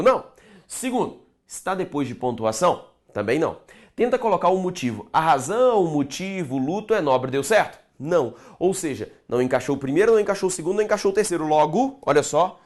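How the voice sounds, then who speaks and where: A man teaching Portuguese grammar in a video lesson for exam candidates. He writes on a board as he goes, asks the class rhetorical questions and stretches key words out slowly. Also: a little high, a little mellow.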